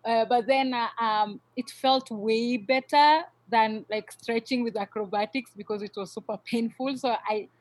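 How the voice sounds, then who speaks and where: A woman from Kenya with a Kenyan accent, a guest on a podcast talking casually with frequent small pauses. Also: a little high, low-quality recording. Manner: relaxed, many "uh" pauses. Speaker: podcast guest, yoga teacher trainer. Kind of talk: casual interview chat.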